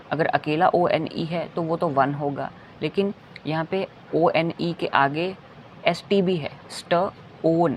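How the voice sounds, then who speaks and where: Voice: medium pitch, a little hiss or hum. A phonics teacher giving a kindergarten lesson, spelling out letters one by one and repeating each word. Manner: says "theek hai" between points.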